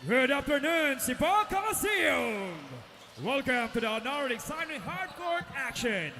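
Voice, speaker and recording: Male hype announcer, fighting-game style: very high, bright shouted voice, stretched-out names, big echoing arena PA. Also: very animated, moderate pace, crowd noise. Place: large indoor sports arena. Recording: echoey arena PA with music.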